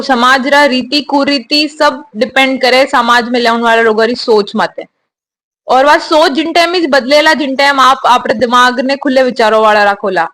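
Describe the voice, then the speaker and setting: A young woman, a new army officer, giving steady, earnest answers in an interview. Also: a little high. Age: young adult.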